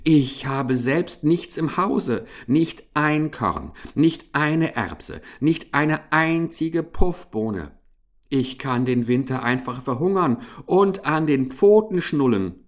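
A man's voice: mid-range voice, animated, takes it slowly. A man doing a stingy, grumbling fat hamster. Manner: grumbling, blustering, self-pitying.

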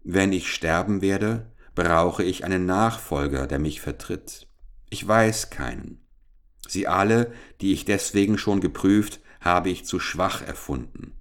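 A man reads a haughty, ancient male scientist-king from a storybook, solemn and imperious. His voice sits very low and heavy. He speaks like someone long used to ruling over others. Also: measured pace. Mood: solemn, weary. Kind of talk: audiobook character reading.

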